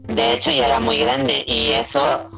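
A woman's voice: a little high, fairly even intonation, moderate pace, gravelly, fairly bright tone, faint music behind, low-quality recording. Mexican woman with a robotic, glitchy call voice. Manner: candid, chatty, laughing often. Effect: robotic, glitchy voice from a breaking-up call connection. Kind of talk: casual chat on a recorded conversation. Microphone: video call.

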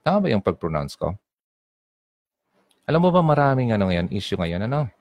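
A man's voice: fairly low pitch, very animated, fairly quick, dry recording, lo-fi sound. A young Filipino man with a Bicolano accent hosting a casual call-in radio show, chatting in mixed Tagalog and English and reading out listener messages. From Bicol, Philippines. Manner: chatty Taglish code-switching, reads listener messages. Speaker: online radio DJ.

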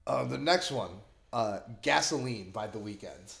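A man's voice: medium pitch, expressive, measured pace, creaky, fairly bright tone, roomy sound. A man hosting a casual music podcast, talking enthusiastically with lots of fillers. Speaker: podcast host. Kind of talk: casual chat.

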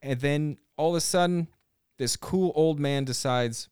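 A man hosting a podcast in a studio, chatting casually, relaxed and rambling with lots of fillers and restarts. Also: on the high side, unhurried, smooth, no echo. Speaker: podcast host. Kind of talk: casual chat.

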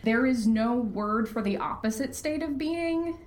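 A podcast creator being interviewed speaks in a fairly high, expressive voice at a measured pace, candid and earnest as she stresses her explanations. The recording has a roomy, echoey quality.

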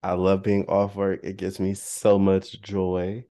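A man's voice: deep voice, monotone, slow pace, warm tone. A man chatting casually as a podcast co-host, playful and self-mocking, repeating himself for emphasis. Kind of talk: casual chat.

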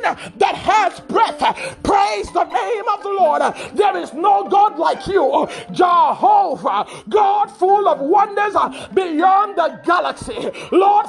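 A man leading a fervent prayer, shouting short repetitive phrases with an "uh" before nearly each one. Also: extremely high pitch, creaky. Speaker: prayer leader.

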